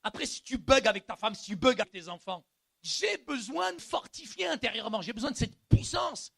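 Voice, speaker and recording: A male pastor preaching a sermon in a church, animated and colloquial, moving from hushed lines to shouting. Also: extremely high pitch, brisk, vocal fry, husky. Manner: colloquial street slang.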